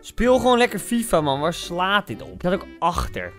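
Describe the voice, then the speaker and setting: A young man with a high voice and a Dutch accent talks through a football video game, muttering one moment and yelling at the screen the next. Faint music plays in the background. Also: moderate pace. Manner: excitable, swings from mumbling to yelling at the game. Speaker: gaming streamer. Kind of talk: casual gameplay commentary.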